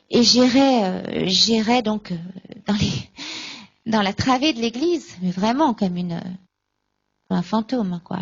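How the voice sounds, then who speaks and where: A woman giving a personal faith testimony at a conference, recounting events with lively acted-out dialogue. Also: mid-range voice, lo-fi sound. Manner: lively, acts out remembered dialogue.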